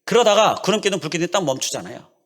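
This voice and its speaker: A middle-aged man preaches a Sunday sermon in a church. His voice sits a little high and swings widely up and down. He drives his points home with repeated phrases and questions to the congregation. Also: big pitch swings, rapid-fire. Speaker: pastor. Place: church sanctuary.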